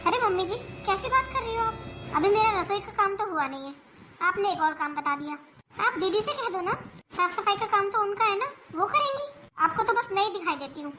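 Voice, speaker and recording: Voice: very high-pitched, expressive, a little fast, sharp tone, soft background music, full character voice. A performer voicing an overworked young daughter-in-law who argues back about her chores, in a family comedy skit. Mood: arguing. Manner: argumentative, whiny pleading.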